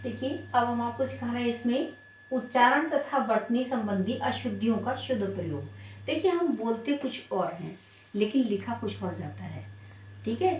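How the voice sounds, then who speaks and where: High-voiced woman teaching in an echoey room. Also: expressive, moderate pace, darkish tone, recorded from a distance, slight background noise. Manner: explanatory, asks questions then answers them herself. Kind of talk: spelling lesson.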